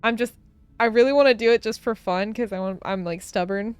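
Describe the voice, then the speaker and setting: A woman's voice: medium pitch, a little fast, smooth, no echo, soft background music. Chatty, laughing young woman streamer. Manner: chatty, rambling, laughs often, many fillers. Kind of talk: casual chat while gaming.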